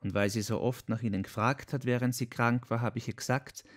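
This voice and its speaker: A man's voice: medium pitch, fairly even intonation, lightly acted. A man doing an obsequious, oddly polite little man. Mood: deferential. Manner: deferential, measured. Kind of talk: audiobook character voice.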